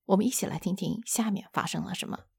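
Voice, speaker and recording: A woman retells a book chapter in steady storytelling. Her voice is husky with gravelly fry, close and dry to the mic. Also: mid-range voice, fast talker, no echo. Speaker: book-sharing host.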